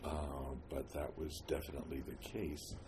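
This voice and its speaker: An elderly American man from New Jersey reminisces about his life in an interview, halting often with long pauses and hesitations. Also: very deep voice, flat delivery, noisy background. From New Jersey, United States. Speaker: oral history interviewee. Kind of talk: reminiscing, telling life story.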